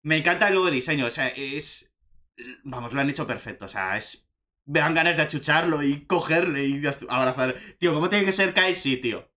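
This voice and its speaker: A young man with a Spanish accent from Spain, chatting excitedly as he reacts to a video game trailer. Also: a little high, a little fast. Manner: excitable, chatty, says "tío" often. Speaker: gaming youtuber reacting to a trailer.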